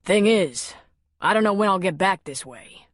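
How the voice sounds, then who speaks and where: A woman voices a clipped, plainspoken man, sounding casual and matter-of-fact. Her mid-range voice is expressive, close to an everyday voice, at a moderate pace. The sound is clean studio quality with no echo.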